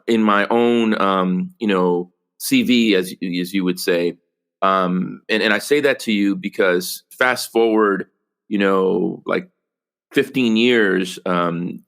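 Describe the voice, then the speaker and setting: Deep and a little bright, this Salvadoran executive's voice carries a casual podcast interview. He talks about his work earnestly, stumbling through plenty of fillers and restarts.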